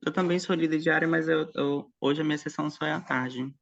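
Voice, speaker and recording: A man chatting casually with a colleague before an online conference session, friendly and quick to laugh, heard over a video call. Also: fairly high pitch, fairly even intonation, vocal fry, fairly bright tone, dull audio, slight background noise. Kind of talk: casual online meeting chat.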